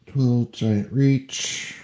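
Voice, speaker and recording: A man playing a tabletop miniatures game, talking through his turn in a measured, dry way. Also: medium pitch, fairly even intonation, mellow. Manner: measured, dry, counts moves out step by step. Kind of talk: casual game-table chat.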